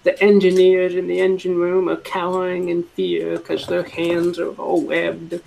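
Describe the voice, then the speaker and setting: A game master narrating a tabletop game in a halting way, with many fillers and restarts. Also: medium pitch, monotone, vocal fry, a little mellow, poor audio.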